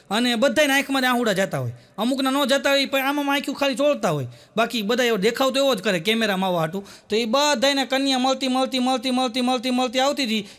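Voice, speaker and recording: Male stand-up joke teller, very high register, storytelling style that laughs at its own jokes. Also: fast talker, fairly bright tone. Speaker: comedian.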